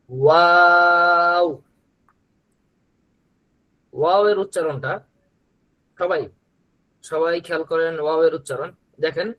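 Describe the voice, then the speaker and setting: A man with a Bangladeshi Bengali accent teaching the Arabic letters as a Quran teacher, patiently repeating each sound in long, drawn-out recitation. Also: fairly high pitch, rough recording. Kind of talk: slow letter-by-letter recitation lesson.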